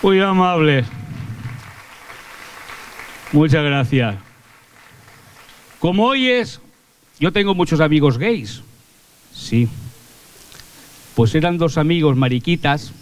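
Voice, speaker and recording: A man's voice: a little high, expressive, slow pace, pauses often, a little hiss or hum. An older male stage comedian and singer telling chatty, crude jokes live on a theatre stage with a handheld mic. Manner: chatty, folksy storytelling with crude slang. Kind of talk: live stand-up joke telling.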